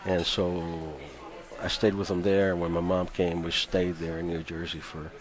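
Radio guest: deep-voiced Cuban-born musician in his fifties, relaxed and chatty. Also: normal speed. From Cuba. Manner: chatty, laughs often, many restarts. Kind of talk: radio interview.

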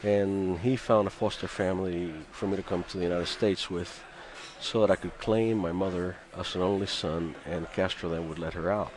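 Radio guest: deep-voiced Cuban-born musician in his fifties, relaxed and chatty. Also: moderate pace, hardly any pauses, a little hiss or hum. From Cuba. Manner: chatty, laughs often, many restarts. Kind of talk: radio interview.

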